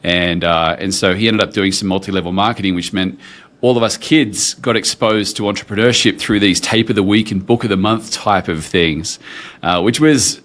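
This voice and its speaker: A man's voice: fairly low pitch, normal speed, fairly bright tone. A man with an Australian accent telling his story conversationally as an interview guest, colourful and wryly self-deprecating. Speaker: podcast guest, tech entrepreneur.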